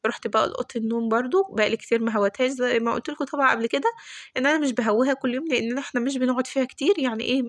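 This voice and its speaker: Fast-talking young Egyptian woman. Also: sits high, no room sound. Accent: Egyptian Arabic. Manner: rapid, rambling, with frequent restarts and warm blessings. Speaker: home vlogger. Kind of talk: chatty voice-over narration.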